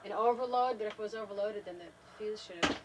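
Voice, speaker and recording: In this family home video, the wife, an older woman sitting in a travel trailer, reflects casually to the camera, unhurried and thoughtful, frequently trailing off and starting over. Her mid-range voice comes across as fast, picked up by a distant mic amid heavy background noise.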